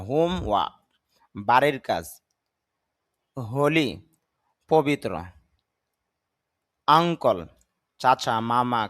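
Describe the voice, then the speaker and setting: A man's voice: mid-range voice, fairly bright tone. Bengali-speaking man teaching English sounds. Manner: spells out words slowly, repeats sounds. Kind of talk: pronunciation lesson.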